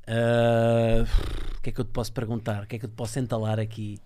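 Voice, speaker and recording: A man's voice: mid-range voice, little pitch movement, quick pace, dark tone. A man with a European Portuguese accent hosting a casual, joking interview in an informal, teasing way. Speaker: podcast host.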